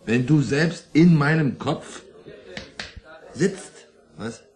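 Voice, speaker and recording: A man's voice: a little high, very slow, a little mellow. An actor playing a troubled man who hears a voice, talking in a rambling, boastful then defensive way in a radio play. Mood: challenging.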